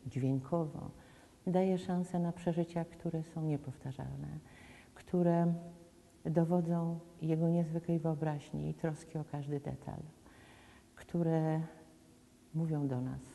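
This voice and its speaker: An older woman with a low, deep and very mellow voice presents a concert in slow, measured, emphatic phrases. Her speech carries a long reverb from the room around her. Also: gravelly. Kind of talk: measured spoken invitation to a concert. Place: indoors, room with framed portraits on the wall. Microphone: camera in front, head and shoulders framing.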